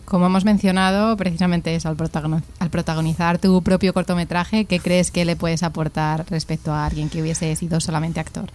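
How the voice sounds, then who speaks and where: Spanish woman interviewer, very low flat voice, measured questions, faint noise. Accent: Spain Spanish.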